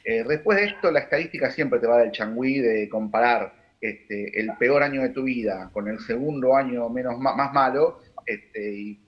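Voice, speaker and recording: A man with a Rioplatense Argentine accent, a political analyst giving measured, analytical answers on a panel, with frequent fillers and restarts. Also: medium pitch, muffled recording. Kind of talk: broadcast panel discussion.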